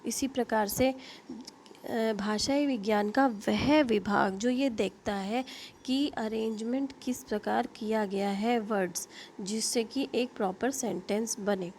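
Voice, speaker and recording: Over a computer mic with faint hiss, an Indian woman teaches linguistics online, her voice a little high with a darkish tone and slow delivery. She explains step by step in Hindi mixed with English terms, often using fillers, correcting herself and asking "okay?".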